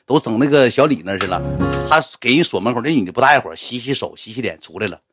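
A man's voice: medium pitch, racing. Guy spinning a funny story, voice swings up and down a lot, faint music behind. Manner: animated, acts out dialogue in other voices. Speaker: livestream storyteller. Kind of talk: comic storytelling.

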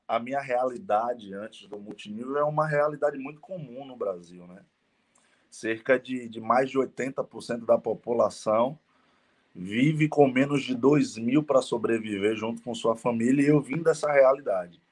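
An earnest man in his thirties speaks with a middle-pitched voice. He tells his story as a guest on a casual live interview, often repeating phrases to drive a point home. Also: moderate pace. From Salvador, Bahia, Brazil. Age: 30s. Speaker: guest entrepreneur.

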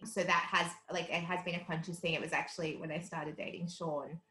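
Her voice sits low yet sounds bright and forceful, steady in tone and fairly quick, with a roomy sound. She's a woman in her twenties, raised in South Africa with a light Australian accent, animatedly telling stories and laughing often as a guest in a casual interview chat.

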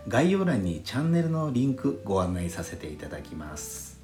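A lowish male voice with a sing-song quality moves at a moderate pace as this podcast host reads listener letters, polite and formally courteous throughout. The sound is roomy and echoing, with soft lo-fi flute jazz faint in the background.

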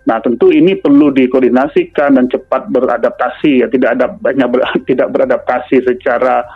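A man giving commentary in a radio interview, often pausing and searching for words as he thinks. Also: mid-range voice, little pitch movement, slightly rough, no room sound, faint music behind. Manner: hesitant, searching for words with frequent pauses and filler phrases. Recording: thin phone-line sound.

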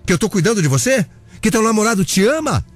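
A man's voice: high voice, very animated, fast, dry recording, soft background music. An actor playing an obsessive, clingy young man who stalks his ex-girlfriend, in a Brazilian radio drama, smothering and falsely sweet. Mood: indignant.

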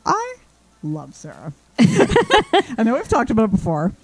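A woman's voice: on the high side, wildly swooping pitch, unhurried, slightly rough, dry recording, poor audio. A young woman, co-hosting a casual podcast and gushing about bands, swearing and singing along to lyrics. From Canada. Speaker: podcast co-host.

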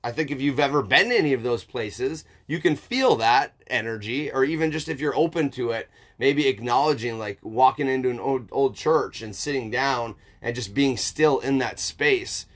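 A man's voice: medium pitch, moderate pace, hardly any pauses. A man chatting casually and reflectively as a podcast host, informal and emphatic, with some swearing and frequent checks for agreement. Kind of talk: casual philosophical chat.

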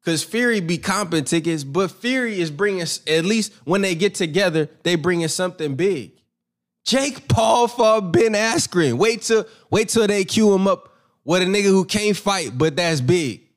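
A brash young man hosting a boxing commentary channel delivers a casual opinion monologue at normal speed in a high voice. He rambles, swears, and sounds thoroughly self-assured.

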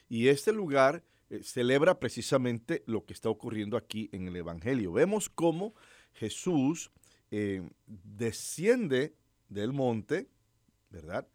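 A man, a priest, giving a Sunday homily in an unhurried, reflective way, with fillers and rhetorical questions. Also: medium pitch, darkish tone, no room sound, studio quality.

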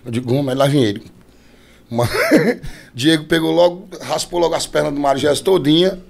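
Um cantor de forró nordestino, homem, contando histórias de bastidor de forma animada, imitando as vozes das pessoas. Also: male voice, a little high, moderate pace, creaky. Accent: Northeastern Brazilian. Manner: animated, acts out quoted voices. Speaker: forró singer, podcast guest. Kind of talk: casual storytelling.

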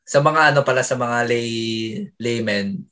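A man's voice: mid-range voice, measured pace. Laid-back male doctor co-host. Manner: relaxed, laughs along, gives short replies. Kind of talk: casual conversation.

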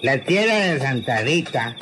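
A man's voice: mid-range voice, very animated, a little slow, background noise. A man playing a drowsy, drunk rural man who mumbles and drawls, in a radio drama. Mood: drunk persuasive.

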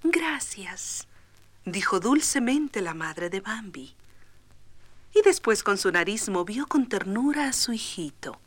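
A woman narrating a children's storybook record, expressive and tender. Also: mid-range voice, a little slow, dry recording.

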